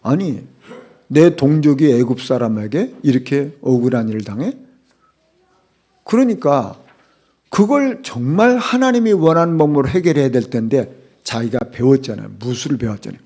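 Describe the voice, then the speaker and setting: Middle-aged guy preaching a sermon, kinda high voice, lots of rhetorical questions, goes loud then quiet. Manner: emphatic, rhetorical questions to the congregation, swings between loud and hushed. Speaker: pastor.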